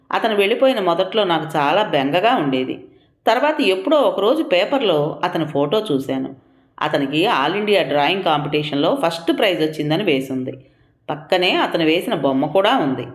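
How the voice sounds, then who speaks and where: A woman telling a first-person audio story in a calm, reflective reading. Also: low voice. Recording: echoey room.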